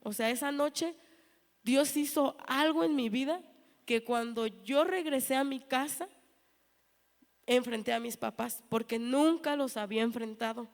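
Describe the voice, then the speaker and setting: A woman in her thirties tells her testimony to a church, earnest and storytelling, acting out the voices of the people she quotes. Her voice sits a little high. It rings with the long reverb of a large hall. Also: measured pace. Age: 30s. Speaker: church member giving testimony.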